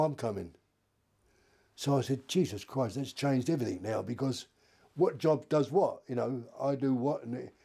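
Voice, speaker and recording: Gravelly old man telling stories. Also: medium pitch, warm tone. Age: 70s. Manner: rambling, with many restarts and acted-out dialogue. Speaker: interviewee. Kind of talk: casual anecdote telling.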